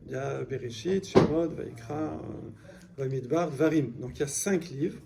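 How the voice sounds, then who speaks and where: The recording is very noisy as a man with a creaky, rather high voice, speaking at normal speed, runs a classroom lesson in beginner Hebrew, taught in French. He patiently explains, repeats key vocabulary, and asks "d'accord?" to check on his students.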